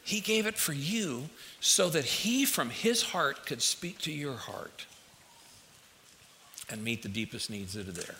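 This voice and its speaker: A man's voice: medium pitch, expressive, a little slow, gravelly, pushed and bright, slight background noise. A man preaching a conversational, folksy sermon, addressing listeners directly, his speech slightly affected by wearing a dental retainer. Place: large hall, speaking to a congregation. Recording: long hall reverberation.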